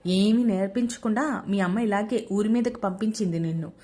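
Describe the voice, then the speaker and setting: A woman voicing a sharp-tongued middle-aged mother-in-law who scolds loudly and taunts. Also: mid-range voice, a little fast, lightly acted. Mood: scolding. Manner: loud and taunting.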